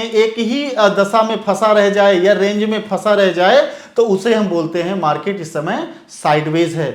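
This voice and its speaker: A man from India giving a classroom lecture on stock market terms. He repeats his points and asks and answers his own questions, checking in with "okay?" as he goes. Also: sits high. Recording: echoey room.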